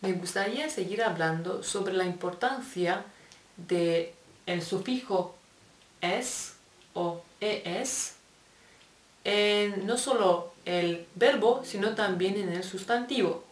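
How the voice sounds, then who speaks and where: A woman's voice: mid-range voice, slow pace, distant mic. A woman teacher with a Spain Spanish accent, patiently explaining English grammar, spelling out letters and repeating examples. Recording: echoey room, voice set back from the mic.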